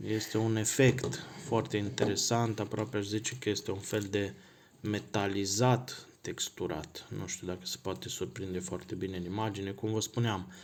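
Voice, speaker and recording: A man vlogging as a watch collector, talking casually and thinking aloud, often pausing and correcting himself mid-phrase. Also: fairly low pitch, slight background noise. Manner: relaxed, thinking aloud with pauses and self-corrections. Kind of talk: casual unboxing talk.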